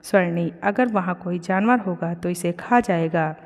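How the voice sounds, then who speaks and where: A woman's voice: lowish voice, normal speed, gravelly, a little mellow. A woman voicing a cruel, miserly mother-in-law who scolds harshly. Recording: long reverb.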